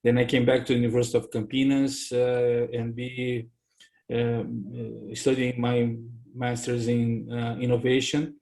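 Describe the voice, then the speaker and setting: A man's voice: mid-range voice, level tone, a little slow, vocal fry, a little mellow. A middle-aged man introducing himself on a video call, earnest with frequent fillers. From Brazil. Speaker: chemist and consultant, course participant.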